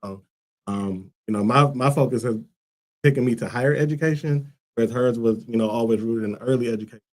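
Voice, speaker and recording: A Liberian man, a school co-founder, answers casually as a talk show guest, earnest and thoughtful with plenty of "like" and "um". His mid-range voice is a little mellow and fairly quick.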